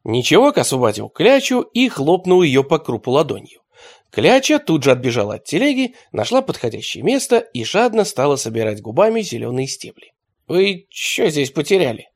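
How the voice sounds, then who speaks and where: A man narrating an audiobook in an expressive storytelling manner. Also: mid-range voice, fairly quick.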